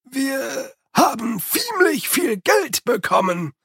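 A man voicing a grumbling, hunched male manservant who speaks in loud, emphatic bursts. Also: sits high, big pitch swings, unhurried, slightly rough, no room sound, clean studio sound, voice pushed up, full character voice. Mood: gruff.

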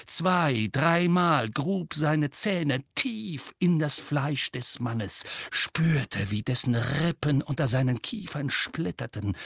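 A man reads a novel aloud in a measured, dramatic way, his voice at an everyday middle pitch. The recording is close and dry, with no room echo. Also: husky. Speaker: audiobook narrator. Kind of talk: scripted narration.

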